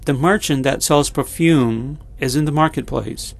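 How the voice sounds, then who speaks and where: A man preaching a sermon and leading a prayer, pausing often with fillers and restarting his sentences. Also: mid-range voice, gravelly. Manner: halting, many fillers and restarts, slow and deliberate. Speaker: pastor.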